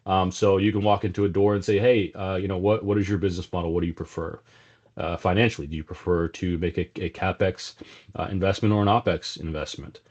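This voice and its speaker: A man's voice: low voice, steady tone, fast talker, a little mellow. A middle-aged man from South Africa with a South African accent and a slight Texas twang, talking as a guest in a casual business interview, with plenty of fillers and restarts. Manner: conversational, many fillers and restarts. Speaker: sales executive guest. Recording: dull lo-fi sound.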